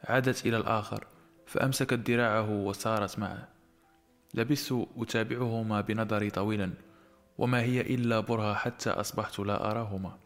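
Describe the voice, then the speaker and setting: A man narrating a novel as an audiobook in a measured, expressive storytelling manner. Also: lowish voice, faint music behind.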